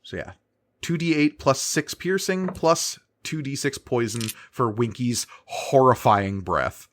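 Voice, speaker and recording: A man with a mid-pitched voice runs a tabletop game as game master. He speaks slowly and casually, measuring out narration and rules.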